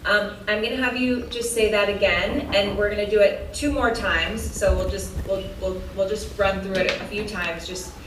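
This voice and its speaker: A woman's voice: medium pitch, steady tone, normal speed, few pauses, fairly bright tone, far from the mic, slight background noise. A woman interviewer directing a recorded interview, encouraging and chatty, with many fillers. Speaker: interviewer and producer. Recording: roomy, off-mic with faint ambience.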